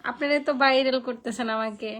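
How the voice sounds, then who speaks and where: A young woman from Noakhali speaks with a high voice and her local accent. She chats with viewers on a live stream, thanking them by name as she reads their comments. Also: fairly even intonation, quick pace, a bit bright. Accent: Noakhali Bengali. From Noakhali, Bangladesh. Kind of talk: casual live stream chat reading comments.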